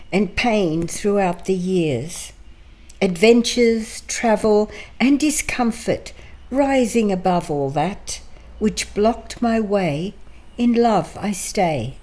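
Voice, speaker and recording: An older woman from Greece, reading her own poem in a slow, measured way and then telling her life story as a guest in her home. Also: mid-range voice, darkish tone, rough recording. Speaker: interview guest. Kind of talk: poetry reading and personal storytelling.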